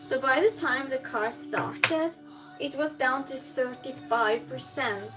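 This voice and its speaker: A woman with a high voice speaks slowly over background music. Not a native English speaker, she's livestreaming while cooking at home, chatting in a rambling way and reading viewers' comments aloud to respond.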